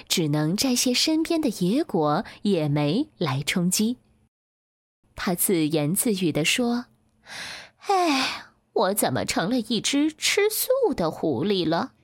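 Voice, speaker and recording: A woman reading a children's bedtime story aloud in a slow, gentle storytelling manner. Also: mid-range voice, dry recording, studio quality.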